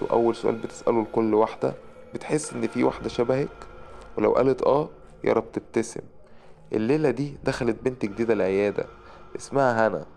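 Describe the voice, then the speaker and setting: A man with an Egyptian accent narrating a scripted horror story with brisk, dramatic delivery. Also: lowish voice, creaky, a little mellow. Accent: Egyptian Arabic.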